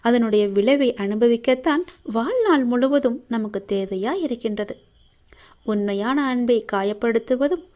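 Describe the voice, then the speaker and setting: A woman gives a devotional message in a gentle, reassuring voice, speaking straight to the listener as if in a deity's own words. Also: fairly high pitch.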